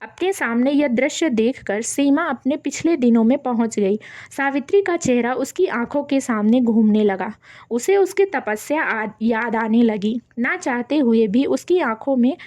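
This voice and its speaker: A woman's voice: fairly high pitch, expressive, measured pace, darkish tone, no room sound. A woman telling a family moral story, reading the characters' lines in her own voice.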